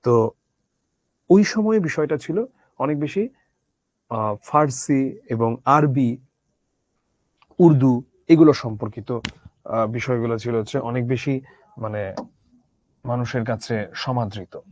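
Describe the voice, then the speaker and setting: A man's voice: mid-range voice, takes it slowly, long pauses, darkish tone, dry recording. A man teaching a literature lesson conversationally, asking his students rhetorical questions. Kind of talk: Bangla literature lecture.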